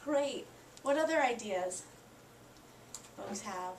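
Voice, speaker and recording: A woman's voice: mid-range voice, lively intonation, takes it slowly. A woman college instructor teaching a class in an upbeat, encouraging way. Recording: echoey classroom, mic far off, noisy.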